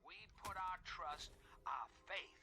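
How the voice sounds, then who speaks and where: An actor playing a folksy, grandiose male president giving a measured, solemn propaganda address on the radio in a video game. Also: sits high. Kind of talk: scripted political radio address.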